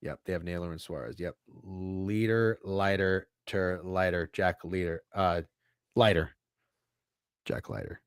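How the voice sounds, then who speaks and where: A man co-hosting a sports betting podcast in casual chat, excitable, swearing freely and tripping over his words. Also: low voice, moderate pace, pauses often, no echo, clean studio sound.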